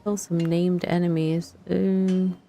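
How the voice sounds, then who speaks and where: This streamer's voice is fairly low and mellow, with little pitch movement, and she takes her time. Playing an online fantasy game, she thinks aloud in short, casual fragments over music, and there's a little hiss or hum in the audio.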